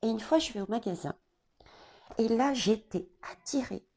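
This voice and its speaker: A woman giving an oracle card reading, talking straight to the viewer and pausing often on fillers. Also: on the high side, animated, darkish tone. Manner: hesitant, many fillers and restarts, addresses viewers directly. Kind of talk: casual spoken card reading.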